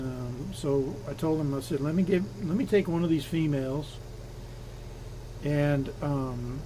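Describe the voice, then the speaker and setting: A man's voice: a little high, dark tone, a little hiss or hum. A man hosting a live stream from his home fish room, casually explaining his fish while he works on the tanks.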